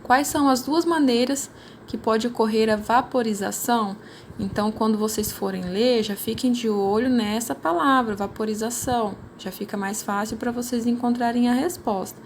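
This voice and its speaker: A woman's voice: on the high side, normal speed, a little hiss or hum. A woman with a Brazilian accent, a primary school teacher patiently explaining worksheets in a recorded class, often ending with "né?". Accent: Brazilian Portuguese. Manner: patient, explanatory, frequent "né?" tags.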